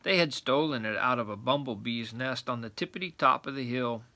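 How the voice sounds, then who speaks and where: A man's voice: medium pitch, a little fast, bright, forceful tone. A man narrating a children's storybook aloud in a grandfatherly storytelling manner.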